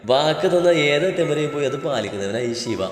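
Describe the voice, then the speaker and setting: A man's voice: fairly high pitch, expressive, fast talker, natural voice. A man voicing a playful, cocky young man in a storybook, boastful in tone, with echo, long reverb and faint music. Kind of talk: storybook narration.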